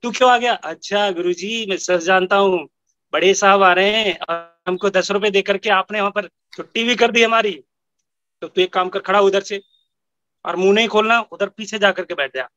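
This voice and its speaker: A man's voice: sits high, normal speed, sharp tone, dry recording, dull audio. A man voicing a grumpy male schoolteacher who scolds and pleads. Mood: scolding. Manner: scolding, exasperated.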